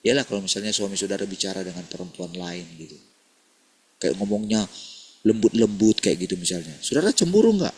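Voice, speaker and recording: A man's voice: deep voice, fairly even intonation, fairly quick, darkish tone, breathy edge. A man preaching a morning sermon in a casual, conversational way, often calling listeners "saudara" and acting out family dialogue. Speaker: pastor.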